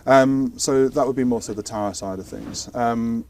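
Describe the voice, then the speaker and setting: In this casual interview chat, a British man explains the technical side of air traffic control, often hesitating and restarting words. His mid-range voice is a little mellow and moves at a normal speed. Faint ambience and background noise come through a distant microphone.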